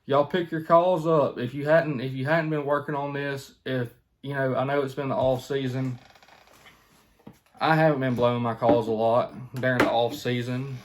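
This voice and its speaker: A man chats through a lesson in a folksy, colloquial way. His pitch is middling and stays quite flat and even. He talks like a hobby instructor addressing viewers directly, often checking that they follow. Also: moderate pace. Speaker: duck calling instructor, video host. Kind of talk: casual instructional chat.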